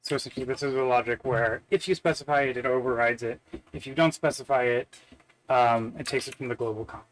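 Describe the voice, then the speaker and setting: A man's voice: mid-range voice, fairly even intonation, quick pace, low-quality recording. Man muttering through code. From Canada. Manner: muttering to self, many fillers, wry self-deprecating asides. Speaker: software developer live-streaming. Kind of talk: thinking aloud while coding. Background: keyboard typing.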